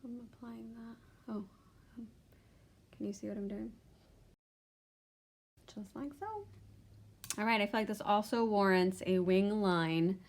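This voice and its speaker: A woman's voice: mid-range voice, steady tone, a little slow, pauses often. A young adult woman narrating a makeup tutorial, chatty as she talks through each step of her look. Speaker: beauty vlogger.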